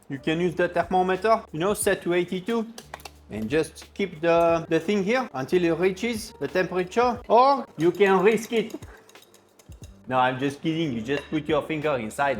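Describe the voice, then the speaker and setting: A man in his thirties with a French-style foreign accent talks through a recipe like a playful chef. His voice sits a little high for a man. He is casual and jokey, and music plays behind him. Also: animated, a little fast. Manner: playful, joking, with French interjections. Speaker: cooking show host. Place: indoor kitchen with steel fridges.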